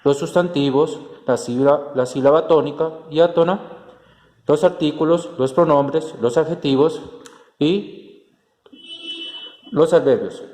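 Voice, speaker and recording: A man's voice: on the high side, unhurried, pauses often, darkish tone. A man, a teacher explaining a class lesson step by step, with frequent fillers and restarts. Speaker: Spanish teacher. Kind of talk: recorded class tutorial. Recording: roomy echo with long reverb and faint background noise.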